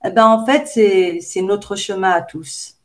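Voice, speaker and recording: Calm woman reading aloud. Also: medium pitch, measured pace. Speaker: reader in prayer group. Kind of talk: reading a spiritual text aloud.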